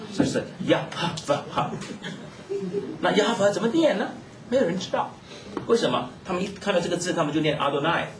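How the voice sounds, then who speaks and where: A man preaching a Bible teaching sermon, explaining in a lively way and mixing in English terms. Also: on the high side. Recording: echoey, distant mic, noisy room.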